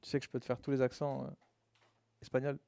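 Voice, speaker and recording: A man's voice: medium pitch, quick pace, creaky, clear, resonant tone, no echo. Slangy, casual male coding instructor. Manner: relaxed and slangy, addresses students as "les gars". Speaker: web development instructor. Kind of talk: casual live classroom lesson.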